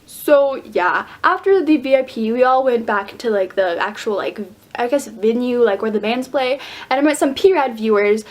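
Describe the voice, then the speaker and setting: A woman's voice: a little high, animated, normal speed. A teenage girl vlogging in a casual, bubbly way, giggling often and filling her talk with "like". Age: teens. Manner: bubbly, giggly, lots of "like" fillers. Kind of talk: casual vlog narration.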